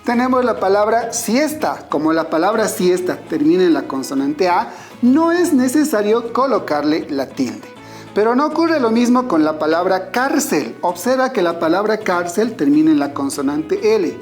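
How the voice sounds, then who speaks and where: Lively-toned Bolivian teacher explaining clearly. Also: male voice, sits high, moderate pace, faint music behind. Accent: Bolivian Spanish. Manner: clear, explanatory, addresses students directly. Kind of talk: scripted online lesson.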